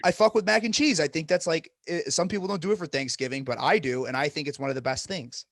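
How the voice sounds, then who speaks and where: A man's voice: on the high side, fast, creaky, a bit bright, no room sound. A young man co-hosting a podcast in casual chat, blunt and profane, joking about food and sports. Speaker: podcast co-host.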